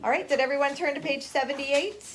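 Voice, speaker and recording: A woman teaching a classroom phonics lesson, brisk with the children and slow and lilting when reading poetry aloud. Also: high-pitched, fairly bright tone. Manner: brisk, reads poetry slowly with a lilt.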